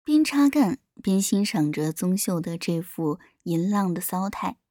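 A woman's voice: mid-range voice, warm tone, no echo, studio quality. Woman reading a story steadily. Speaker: narrator. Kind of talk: scripted narration of an erotic story.

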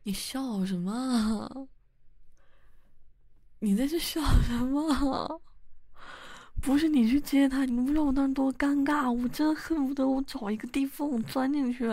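A woman's voice: a little high, no echo, clean studio sound, close to an everyday voice. A young woman acting as a wife and mother in a whispered role-play, talking intimately and teasingly to her husband. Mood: flustered scolding. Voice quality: soft whispery delivery. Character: young wife, playful, easily flustered.

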